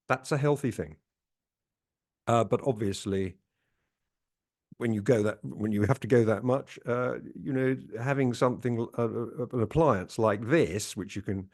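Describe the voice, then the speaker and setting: A man's voice: lowish voice, a little mellow. An older man hosting a podcast, telling a rambling personal story with many fillers, restarts and hesitations. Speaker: podcast host. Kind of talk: casual monologue.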